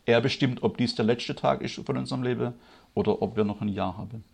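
A German-speaking man preaching a sermon, moving from quiet, measured delivery to loud, high, emphatic passages. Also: vocal fry, breathy edge. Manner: grows loud and high-pitched when stirred, slow emphatic stresses.

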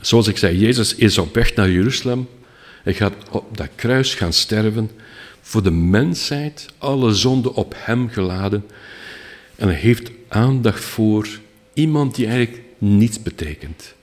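A man preaching a sermon, earnest and emphatic, often slowing down and dropping almost to a hush. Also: fairly low pitch, animated, long reverb tail.

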